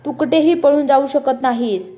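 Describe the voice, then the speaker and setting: A woman voicing a greedy, menacing king of darkness in a children's story, speaking loudly and threateningly. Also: sits high, normal speed, highs cut off, pitched above the performer's own voice, natural voice. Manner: loud, threatening delivery.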